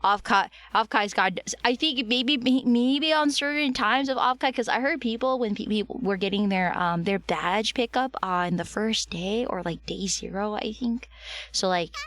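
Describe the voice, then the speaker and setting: A woman streamer talks casually to her chat in a medium-pitched voice that is a little strained. She addresses viewers affectionately and effusively, and the sound is dry, with little room in it. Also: normal speed, fairly bright tone, no room sound. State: slightly strained, recovering voice. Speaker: livestreamer.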